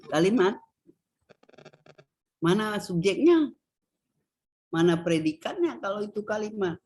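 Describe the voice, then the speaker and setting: A woman's voice: medium pitch, big pitch swings, unhurried, darkish tone, breathy edge. A middle-aged woman gives a university lecture, quizzing students and stressing key words with a rising voice. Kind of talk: classroom lecture on Indonesian grammar.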